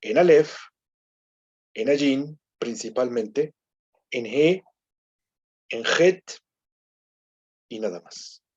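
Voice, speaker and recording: A man delivering a grammar lecture in a warm, slightly husky voice. He explains step by step, pausing to check in with his students and rephrasing himself. The recording is somewhat muffled. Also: mid-range voice, animated. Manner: explanatory, frequent rhetorical checks and self-corrections. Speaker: Hebrew grammar teacher. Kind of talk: online lecture.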